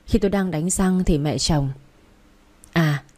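A woman reads a first-person story aloud in a calm, even narrating voice. Her tone is low and mellow. The telling is steady and unhurried.

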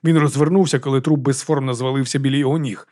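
A male audiobook narrator telling a violent fantasy tale at a brisk, driving clip. His voice sits in an ordinary middle register and the storytelling stays vivid and dramatic. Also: mid-range voice, fairly even intonation, warm tone.

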